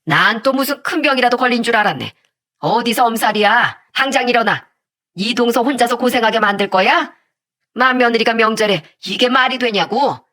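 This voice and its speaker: A woman's voice: fairly high pitch, normal speed, sharp tone. Woman voicing a scolding, sneering mother-in-law. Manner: curt, sneering and bossy. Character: sharp-tongued scolding older mother-in-law. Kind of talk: storybook narration with acted voices.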